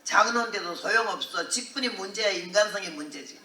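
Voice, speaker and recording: A woman's voice: mid-range voice, brisk. Older woman preacher, earthy storytelling. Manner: earthy, animated storytelling with laughter. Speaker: missionary preacher. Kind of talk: revival sermon testimony. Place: large hall at a prayer retreat. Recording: echoey hall, voice from far off.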